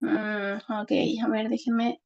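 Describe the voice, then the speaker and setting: A woman's voice: mid-range voice, flat delivery, slow, a little mellow, muffled recording. A woman giving an online class lecture over a video call, her audio choppy and cutting out as she explains and keeps checking whether she can be heard.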